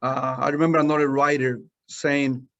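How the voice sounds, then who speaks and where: A man's voice: medium pitch, little pitch movement, normal speed, a bit bright. Man sharing his testimony. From Guatemala. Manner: earnest storyteller, many fillers and restarts. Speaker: senior pastor, guest. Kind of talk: personal testimony in conversation. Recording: dull lo-fi audio.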